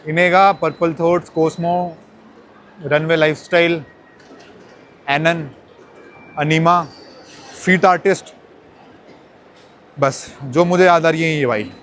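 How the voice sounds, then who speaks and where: A man's voice: a little high, steady tone, takes it slowly, pauses often, a bit bright, slight background noise. A young man vlogging casually as he walks through a busy airport, talking straight to his viewers like friends. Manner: chatty, addresses viewers as brothers. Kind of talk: casual vlog chat.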